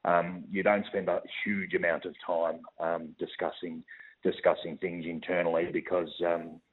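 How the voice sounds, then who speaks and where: An Australian man, a football club executive, answering radio interview questions over the phone in a measured way with many fillers and restarts. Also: low-pitched, little pitch movement, breathy edge. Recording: tinny phone line.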